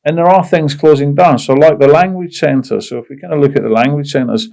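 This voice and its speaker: A man hosting a podcast interview, thinking aloud in a measured, reflective way and sometimes searching for words. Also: fairly high pitch, gravelly, warm tone. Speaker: podcast host.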